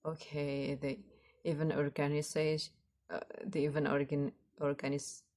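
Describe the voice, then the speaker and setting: A vlogger with a low voice and an Indonesian accent rambles casually, as though practicing her speaking for a vlog. She halts to search for words and circles back over phrases, with a flat delivery and darkish tone.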